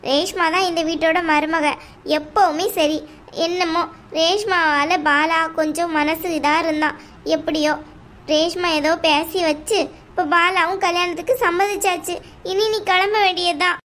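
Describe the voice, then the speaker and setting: A woman's voice: very high voice, fairly even intonation, a bit bright, a little hiss or hum. A woman voicing a scheming, domineering middle-aged mother-in-law who talks in a scornful, taunting way in an amateur audio drama. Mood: scornful, bossy. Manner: scornful, bossy, drawn-out taunting.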